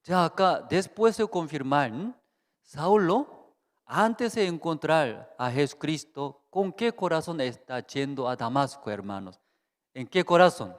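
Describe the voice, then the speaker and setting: Male pastor, slow delivery, lively rising and falling pitch, keeps asking the congregation to confirm, long church reverb. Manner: halting, repetitive, with constant checking questions to the congregation. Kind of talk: Bible seminar sermon. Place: church hall.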